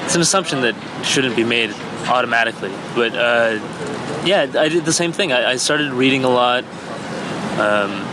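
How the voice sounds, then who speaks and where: A thoughtful man talking as a podcast guest, pausing and restarting as he works through his ideas in a mid-range voice. Very loud background noise with traffic and air-conditioning hum sits under him. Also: mid-range voice, lively intonation. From Iran, raised in Canada. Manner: thoughtful, hesitant, many fillers and restarts. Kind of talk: casual conversation.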